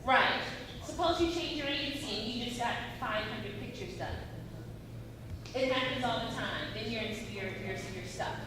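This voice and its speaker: A woman teaching an acting workshop, lively and questioning her class as she explains. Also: on the high side, normal speed. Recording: echoey room, far from the mic, noisy.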